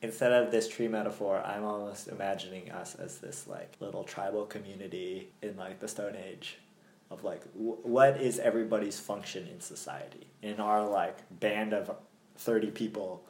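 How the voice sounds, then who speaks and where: A man's voice: fairly low pitch, normal speed, vocal fry, a little mellow. A young man rambling in casual chat as a podcast co-host, with lots of fillers and frequent laughs. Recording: echoey room.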